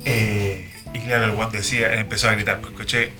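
A man's voice: lowish voice, little pitch movement, brisk, over music. A young man with a Chilean accent, a guest in a casual chat, telling a story in slangy talk full of fillers and repeated tags. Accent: Chilean Spanish. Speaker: guest, driver.

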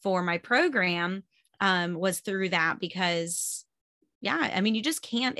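Bright chatty Midwestern woman. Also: on the low side, dry recording, clean studio sound. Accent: Midwestern American. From Michigan and Chicago area. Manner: chatty, many fillers, laughs often. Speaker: podcast guest, homeschool mom and music teacher. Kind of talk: casual interview chat.

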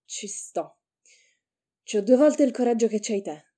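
Woman doing an anxious rough young man in a storybook reading; very dark, mellow tone, fretful. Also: fairly high pitch, animated, unhurried. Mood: nervous. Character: rough young man, nervous, body snatcher.

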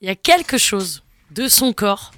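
A woman's voice: mid-range voice, sing-song, measured pace, a bit bright, dry recording. Playful woman guest, cheeky radio banter, dry close sound. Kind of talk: casual radio chat.

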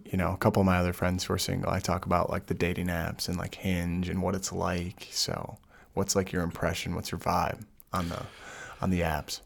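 A man's voice: low-pitched, completely flat delivery, fairly quick, gravelly. A young man hosting a casual podcast chat, joking and teasing his guest and laughing often. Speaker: podcast host.

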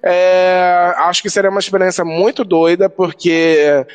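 A man's voice: high voice, little pitch movement, measured pace, clear, resonant tone, in a large hall. A man, a drag queen guest telling stories animatedly in a casual podcast chat, swearing and mimicking his relatives. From Rio de Janeiro, Brazil. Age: 30s. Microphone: remote recording.

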